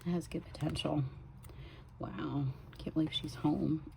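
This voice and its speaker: A woman with a drawl talks through her weekly planner in an unhurried, chatty way. Her voice is low, mellow and heavy with vocal fry. A faint hiss sits under the home recording. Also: level tone. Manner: chatty, drifts into soft whispers while working. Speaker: planner vlogger. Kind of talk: casual plan-with-me chat. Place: home desk.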